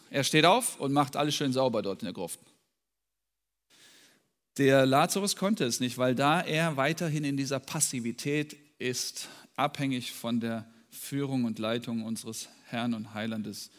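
A man delivers a sermon in German with a fairly high-pitched voice, dropping low and then rising loud when he quotes scripture. The sound rings with the long reverb of a church hall. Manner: dramatic, swings from soft to loud when quoting scripture. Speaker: preacher.

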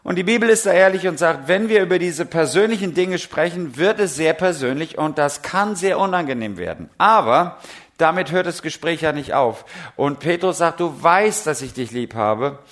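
A man's voice: a little high, a bit bright. A middle-aged man preaching a sermon, telling humorous, self-mocking stories and putting direct questions to the congregation.

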